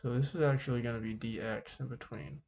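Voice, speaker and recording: A man speaking through a face mask, giving an informal calculus lesson in a halting way, thinking aloud as he goes. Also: mid-range voice, fairly even intonation, gravelly, darkish tone. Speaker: math teacher.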